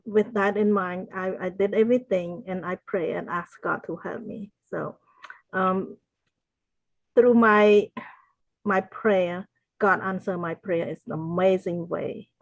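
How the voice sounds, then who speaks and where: Slow, earnest older woman from Cambodia. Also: lowish voice, creaky, dry recording, lo-fi sound. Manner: slow, earnest, faith-filled storytelling. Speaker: podcast guest, wellness consultant. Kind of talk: interview answers, personal testimony.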